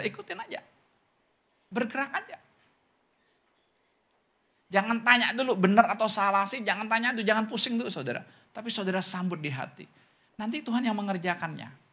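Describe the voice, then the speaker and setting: A man preaching a sermon as pastor, talking straight to the congregation and acting out questions in other voices. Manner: animated preaching, often calls the congregation "saudara"; acts out questioners' voices in higher pitch.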